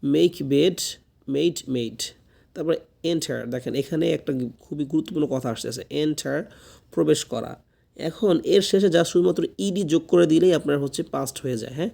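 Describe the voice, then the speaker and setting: A man's voice: fairly high pitch, moderate pace, vocal fry, warm tone. A man teaching spoken English, drilling each word by repeating it several times and often checking whether the class is following. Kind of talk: classroom lesson with drilled repetition.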